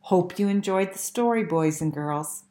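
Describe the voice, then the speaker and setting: A woman reading a picture book aloud to young children, expressively and deliberately, with dramatic emphasis and hushed drops. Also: on the low side. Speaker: children's story reader. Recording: roomy, echoing sound.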